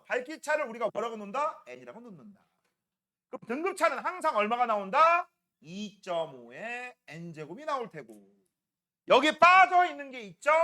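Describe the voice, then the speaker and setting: A man teaching a middle school science class, quizzing students by name and checking in constantly as he works through problems in a classroom. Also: high-pitched. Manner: lively, swings between loud and quiet.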